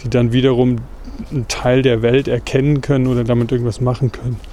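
A man's voice: medium pitch, flat delivery, quick pace, mellow, slight background noise. A male podcast co-host, a little short of breath from an injured rib, talking thoughtfully on a walk outdoors at night. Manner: thoughtful, searching for words. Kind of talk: casual conversation. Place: outdoors, walking through a foggy park at night.

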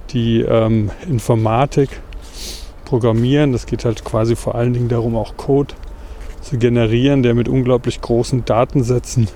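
A man with a mellow, dark voice talks while walking through a foggy park at night, now and then short of breath. He picks his words with care as he explains a big topic. Faint outdoor noise sits behind him. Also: mid-range voice. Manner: thoughtful, searching for words. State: short of breath, injured rib. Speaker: podcast co-host. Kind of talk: casual conversation.

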